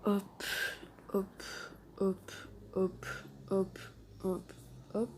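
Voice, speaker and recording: A woman's voice: medium pitch, monotone, drawn-out words, mellow, slight background noise. Rambling woman hosting a game tutorial. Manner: rambling, filler-heavy, self-deprecating chatter. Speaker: gaming tutorial host. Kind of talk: casual screen-recorded game tutorial.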